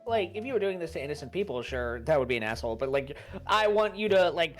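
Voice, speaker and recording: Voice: medium pitch, very animated, quick pace, soft background music. A guest on a stream chatting casually, blunt and profane, laughing often. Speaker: co-host friend.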